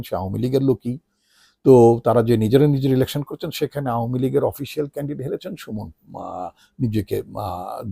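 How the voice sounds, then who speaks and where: Gravelly, husky Bangladeshi man in middle age, loose political commentary with rhetorical questions. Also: medium pitch, warm tone, dry recording, studio quality. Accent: Bangladeshi Bengali. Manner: conversational, many fillers, rhetorical questions.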